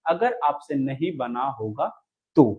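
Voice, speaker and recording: Male teacher running an online class, high voice, repeats himself, keeps checking if students follow. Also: measured pace, muffled recording. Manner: asks students to answer and comment, repeats key points. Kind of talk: online lesson solving exam questions.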